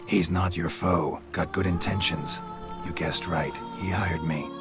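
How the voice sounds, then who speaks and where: Monster hunter, deep voice, terse, stoic, matter-of-fact, fantasy game drama, clear musical backing. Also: male voice, fairly even intonation, unhurried, music in the background. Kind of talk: understated fantasy game acting.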